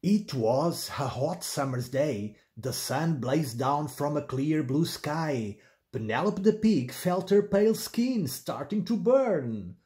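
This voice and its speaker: A narrator reading a children's story aloud, slowly and expressively. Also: medium pitch. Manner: slow, expressive read-aloud.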